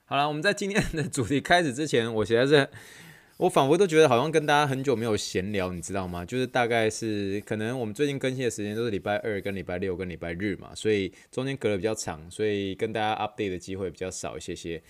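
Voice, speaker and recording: A man's voice: on the low side, fast. A man with a Taiwanese Mandarin accent hosting a podcast in casual, rambling chat that repeats phrases. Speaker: podcast host.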